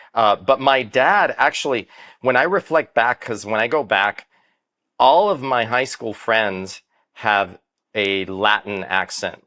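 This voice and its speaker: A man's voice: fairly low pitch, bright, forceful tone, smooth. A man in his fifties from Miami whose first language was Spanish, telling his story as a doctor in an interview. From Miami, United States. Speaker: doctor, podcast guest.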